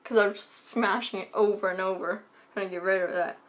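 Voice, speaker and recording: A woman co-hosting a casual chat, telling a long story with many "like"s and deadpan asides. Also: medium pitch, fairly quick. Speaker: co-host.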